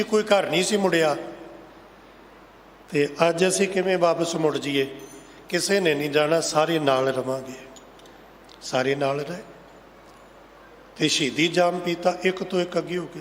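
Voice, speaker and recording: A man with a Punjabi accent delivers an impassioned Sikh sermon, pressing his listeners with rhetorical questions. His voice sits somewhat high. It rings through a large hall with a long reverb tail and a faint hum of ambience. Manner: impassioned, rhetorical questions, sung scripture lines. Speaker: Sikh preacher giving katha.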